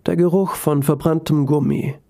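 Gravelly man reading a story. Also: fairly high pitch, steady tone, normal speed, warm tone. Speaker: narrator. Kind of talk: scripted story narration.

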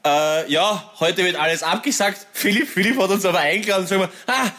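A man's voice: high-pitched, quick pace, pushed and bright. A man, co-hosting a podcast in a joking, chatty way with lots of restarts. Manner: joking, laughs while talking, stammering restarts. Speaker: podcast co-host. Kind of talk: casual podcast chat.

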